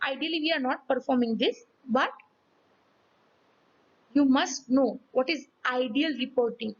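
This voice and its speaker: Woman teaching med students, high voice, hoarse from yelling, keeps asking okay? ready?. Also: unhurried, lo-fi sound. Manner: checks in often with "okay?" and "ready?". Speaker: physiology teacher. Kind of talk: medical lecture with demonstration.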